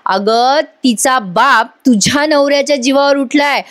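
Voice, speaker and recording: A woman's voice: high voice, a little slow, a bit bright. A woman quoting a stern scolding father-in-law. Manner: scolding, accusing.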